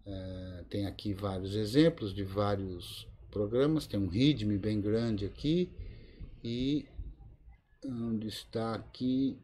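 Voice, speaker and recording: A man with a Brazilian Portuguese accent, a Linux course instructor, runs a live lab as a screen-share tutorial over a video call, thinking aloud with plenty of fillers. His voice is on the low side, slow and dark, with a breathy edge, picked up by a video call mic.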